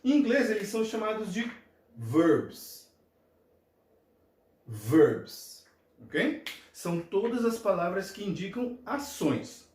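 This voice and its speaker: A man's voice: sits high, moderate pace. A man teaching a classroom lesson, leading repeat-after-me drills. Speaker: English teacher. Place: classroom with a board. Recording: echoey room.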